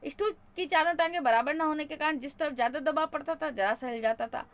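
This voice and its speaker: A woman's voice: high-pitched, fast talker, dull audio. A woman teacher reads a school story aloud, voices the children's lines in her reading, and stops to explain each passage in simpler words for young pupils.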